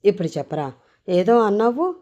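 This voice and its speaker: A woman's voice: mid-range voice, sing-song, moderate pace, mellow, muffled recording, lightly acted. A woman doing a cold menacing gangster hero.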